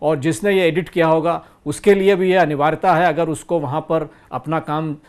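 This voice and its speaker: A man's voice: a little high, steady tone, normal speed, a little mellow, clear, resonant tone. A man hosting a studio news discussion, who listens attentively and sums up his guest's points before putting his next question.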